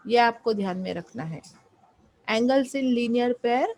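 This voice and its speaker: A woman's voice: on the high side, slow pace, a little mellow, low-quality recording. A woman math teacher explaining a lesson, patiently repeating questions and prompting students to answer.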